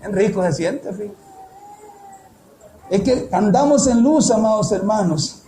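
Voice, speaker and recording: A man preaching a sermon in a very high voice. He speaks directly to the congregation, keeps asking them questions and dwells slowly on each verse. The sound rings through an echoey church hall with a faint hiss behind it. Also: expressive, mellow. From El Salvador. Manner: addresses the congregation directly, with repeated rhetorical questions; slow, emphatic delivery of scripture.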